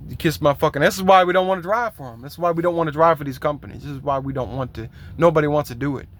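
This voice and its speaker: Racing along in a high, fairly bright voice, a man who drives trucks rants in a rambling vlog, swearing heavily and complaining in aggravation. His talk is loose, with plenty of fillers and repetition.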